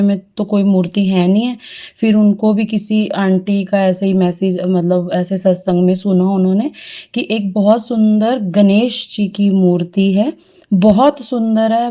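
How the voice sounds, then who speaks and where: Earnest middle-aged woman, dull lo-fi audio. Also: medium pitch. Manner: earnest, rambling, reverent. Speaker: devotee sharing an experience. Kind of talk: personal devotional testimony.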